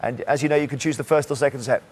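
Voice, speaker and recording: A man's voice: mid-range voice, steady tone, background noise. Man hosting a quiz show. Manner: measured, emphatic quiz-master delivery. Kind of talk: scripted game show presenting.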